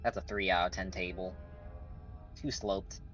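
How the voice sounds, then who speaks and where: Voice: sits low, steady tone, a little slow, a bit bright, lo-fi sound, soft background music. A playful, chatty streamer giving casual commentary on a game.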